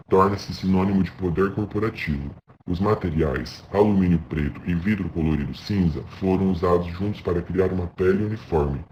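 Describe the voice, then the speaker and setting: A man's voice: sits low, slight background noise, natural voice. A young Brazilian man speaking as a modernist architect proud of his corporate buildings, reading a formal script matter-of-factly for a class project. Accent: Brazilian Portuguese. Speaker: architecture student. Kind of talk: scripted first-person narration for a class project. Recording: slightly dull lo-fi recording.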